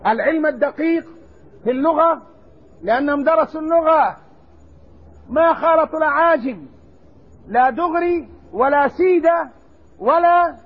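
A man teaching a recorded religious lesson, explaining slowly and deliberately and stressing word forms. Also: extremely high pitch. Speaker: Islamic scholar teaching hadith. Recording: dull lo-fi lecture recording.

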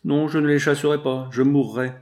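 Brief: male reader as a desperate jilted young woman, tearful, pleading, slightly raised pitch. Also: steady tone, a little fast, darkish tone, close to an everyday voice. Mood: despairing.

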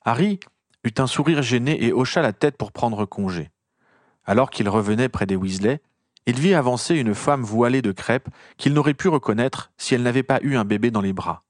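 A man reading a story aloud with expressive, lively storytelling. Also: mid-range voice, normal speed, no echo, studio quality. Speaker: reader. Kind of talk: audiobook reading of fan fiction.

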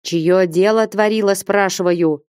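A woman's voice: medium pitch, fairly even intonation, unhurried, darkish tone, no echo, natural voice. A woman reading aloud and voicing a stern, fiery old abbess who scolds and commands in a raised voice. Dry, close sound. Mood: demanding.

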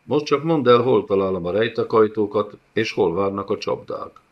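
A man voicing a terse young nomad warrior in an audiobook, speaking curtly and calmly. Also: on the low side, dull audio, lightly acted. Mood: calm, firm.

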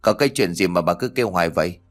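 A man's voice: deep voice, expressive, racing. A man reading a storybook voices a cruel, contemptuous young daughter-in-law who snaps at everyone. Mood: scornful. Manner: snappish, contemptuous.

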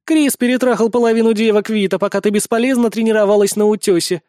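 A man's voice: sits high, fairly even intonation, fast talker, darkish tone, dry recording, clean studio sound, voice pushed up, natural voice. A man reading an audiobook, voicing a bold female captive who taunts her rival. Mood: taunting.

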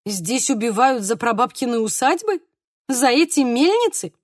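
A woman's voice: on the high side, very animated, normal speed, no echo, studio quality. A woman doing a baffled, grumbling mother. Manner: baffled, complaining. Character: puzzled, displeased mother.

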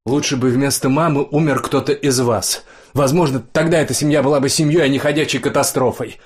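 A man's voice: medium pitch, fairly even intonation, a little fast, breathy edge, voice pushed up, natural voice. A man reading an audiobook and voicing a cruel young man who sneers at his brothers. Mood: contemptuous. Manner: sneering and scornful.

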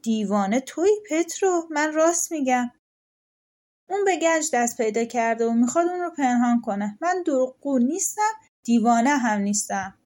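Lady doing a stubborn gossipy peasant wife, high and insistent, folktale audiobook. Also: darkish tone, natural voice. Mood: indignant. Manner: indignant, insistent. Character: talkative stubborn peasant wife, hot-tempered.

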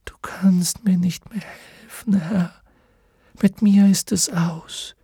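A man reading an audiobook and voicing a weary, despairing talking horse that speaks haltingly and often in a whisper. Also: high-pitched, steady tone, warm tone, husky, dry recording, studio quality, pitched above the performer's own voice, full character voice. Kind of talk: audiobook character voice.

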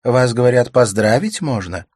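A man reading a novel aloud and voicing a polite, gentle young lady of the house with a mild, soft-spoken manner. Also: medium pitch, lively intonation, normal speed, husky, no room sound, clean studio sound, voice pushed up.

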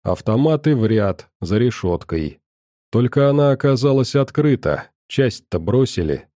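Dark-voiced male audiobook narrator. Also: medium pitch, big pitch swings, unhurried, dry recording, clean studio sound. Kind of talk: first-person scripted narration.

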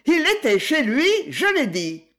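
A woman voicing a surly, quick-tempered working-class wife who answers back sharply. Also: very animated. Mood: defiant. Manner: sharp, shrill retorts.

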